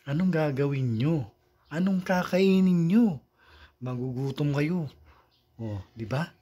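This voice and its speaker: Slow, teasing vlogger reading love quotes. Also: mid-range voice, animated, warm tone, slightly rough. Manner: teasing, chuckling often, addresses viewers directly. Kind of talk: casual commentary on quotes.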